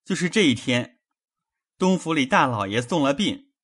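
A woman voicing a frightened young male servant who pleads and hurries through his confession in a lowered voice. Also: lively intonation, normal speed, breathy edge. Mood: cowering, pleading.

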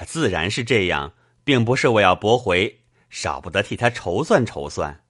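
A man reading an audiobook, voicing a self-assured young gentleman who speaks calmly and mildly chiding. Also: fairly low pitch, moderate pace, no room sound, clean studio sound. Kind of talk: audiobook character voice.

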